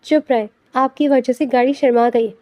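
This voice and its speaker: A woman's voice: high voice, steady tone, mellow, no room sound, close to an everyday voice. A woman voicing a teasing, affectionate young wife in an audiobook novel. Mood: playful.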